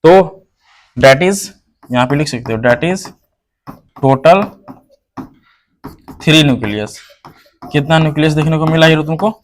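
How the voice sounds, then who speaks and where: A man's voice: on the high side, slow pace, long pauses, slight background noise. A man teaching a biology lesson online, who asks his students questions and then answers them himself, repeating the key terms. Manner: calls the viewer "hero". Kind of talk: online lecture.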